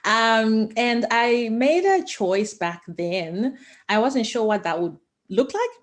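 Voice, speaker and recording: A woman's voice: fairly high pitch, animated, slow. A woman from Zimbabwe, talking enthusiastically and passionately as a guest in a casual interview. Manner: enthusiastic and passionate, with many fillers. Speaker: guest, founder of investing education company.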